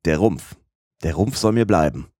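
A man's voice: sits low, lively intonation, normal speed, husky, no echo. Blustering old sea captain, furious and cursing, read by a man; dry studio audiobook. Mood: gruff bargaining. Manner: shouting curses, choking with rage.

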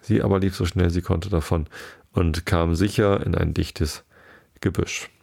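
A man reading a children's story aloud as narrator, in a slow, careful storytelling way. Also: low voice, steady tone, gravelly, a little mellow.

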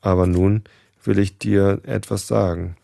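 A man's voice: low voice, level tone, a little slow, creaky, dark tone, no room sound, full character voice. A man voicing a caring female goose who gives earnest advice in a storybook read-aloud.

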